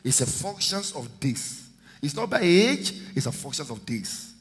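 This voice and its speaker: A man in his fifties, a senior pastor preaching a sermon with shouted call-and-response to his congregation. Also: on the high side, sing-song, unhurried, slightly rough. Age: 50s. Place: church hall. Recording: echoey church hall reverb.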